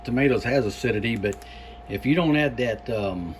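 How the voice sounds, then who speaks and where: A man giving a casual home cooking demonstration, explaining things in a halting, unhurried, folksy way. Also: mid-range voice, slight background noise. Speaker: home cook presenting a recipe.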